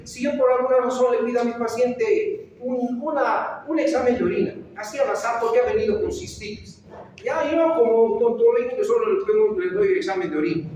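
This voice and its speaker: A woman doctor lectures medical students, weaving clinical anecdotes into the lesson and frequently checking in with her audience. Her voice is slightly high and somewhat mellow, with a faint hiss or hum. The recording was made from a distance in an echoey hall.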